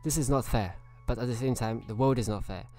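A man's voice: medium pitch, brisk, mellow, soft background music. A man streaming a video game live, chatting casually and greeting viewers by name.

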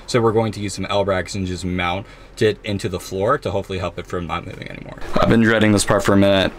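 A man's voice: sits low, steady tone, fast talker, noisy background. Young man vlogging from his van. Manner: upbeat, chatty, to camera. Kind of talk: casual vlog talk. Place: inside a camper van.

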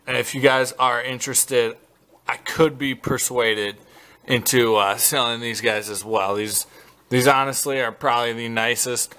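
A man from the American Midwest giving a casual, halting walkthrough of his basement fish tanks, full of fillers and restarts, recorded on a handheld camera. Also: mid-range voice, steady tone, pushed and bright. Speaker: fish breeder vlogger. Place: basement fish room, indoors.

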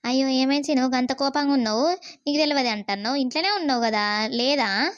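A woman's voice: high voice, fairly quick, no room sound, dull audio, close to an everyday voice. A woman voicing a concerned young woman friend in a cartoon, giving advice in a Telangana Telugu accent. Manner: concerned, advising.

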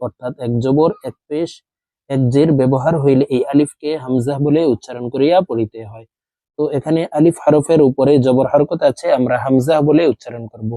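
A male teacher with a Bangladeshi Bengali accent, spelling out syllables slowly and drawing out each joined word, with quicker spoken asides. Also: medium pitch, mellow, no room sound, low-quality recording. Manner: quicker explanatory asides between drills. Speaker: Quran reading teacher. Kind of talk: slow spelled-out recitation lesson.

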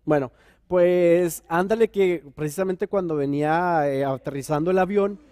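A man's voice: high-pitched, moderate pace, warm tone, dry recording, clean studio sound. A man co-hosting a live morning TV show, joking playfully and reading viewer messages aloud, with a Northern Mexican accent. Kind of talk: lively morning TV chat. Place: TV studio.

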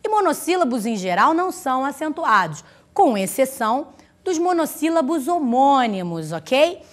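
High, lively woman teaching Spanish. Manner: drawn-out, careful pronunciation of example words; chatty, teasing asides to the student. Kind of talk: recorded language lesson.

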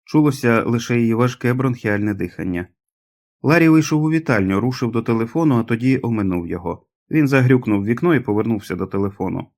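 Male audiobook narrator, measured and dramatic. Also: mid-range voice, animated, a little mellow. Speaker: audiobook reader.

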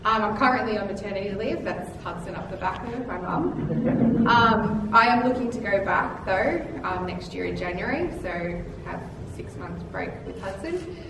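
A woman's voice: mid-range voice, normal speed, few pauses. Young Australian woman electrician, echoey room. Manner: chatty, with fillers and laughs. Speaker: qualified electrician, panel member. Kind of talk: panel discussion. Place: large plain meeting room, seated at table. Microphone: distant room mic. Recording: echoey room from far off, noisy.

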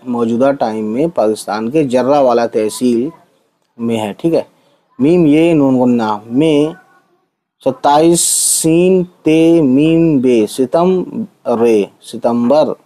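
A man's voice: medium pitch, warm tone, poor audio. A man teaching Urdu letters to Hindi speakers, spelling out words sound by sound and often checking that his viewers follow. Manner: slow, patient letter-by-letter reading with frequent checks.

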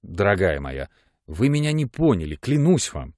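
Man doing a low, flustered official murmuring. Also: big pitch swings, normal speed, a little mellow, no room sound, clean studio sound. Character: ironic, cool middle-aged male official.

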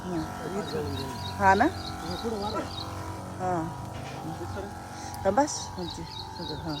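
A woman caretaker at an old-age home, calming the residents in casual talk. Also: lowish voice, extremely slow, background noise. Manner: soothing, calms residents.

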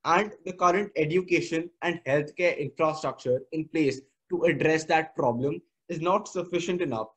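A man's voice: a little high, moderate pace, few pauses, fairly bright tone, husky. A teenage male student with an educated Indian English accent, giving an earnest, formal slide presentation. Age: teenager, about 16 or 17.

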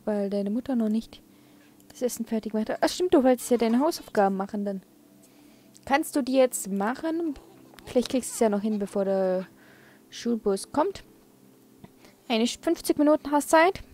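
A woman's voice: on the high side, warm tone. A woman hosting a let's play, casually commenting on her game and coaxing the characters along.

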